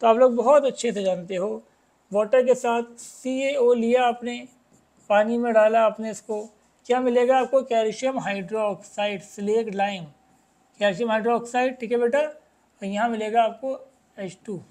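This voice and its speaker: A man with a very high voice, teaching a chemistry class. He reads out exam questions in a slow, careful way, then explains each one and keeps checking that his students have understood. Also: steady tone, darkish tone. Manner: addresses students as "beta", keeps asking if it is clear; reads English questions slowly, explains in Hindi. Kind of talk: chemistry lesson.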